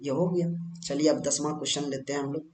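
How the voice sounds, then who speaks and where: A man's voice: on the high side, steady tone, fast, a little mellow, roomy sound, a little hiss or hum. A man teaching a chemistry lesson at a board, chatty, keeps asking his students questions and answering them himself. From India. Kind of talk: board-exam lesson at a whiteboard.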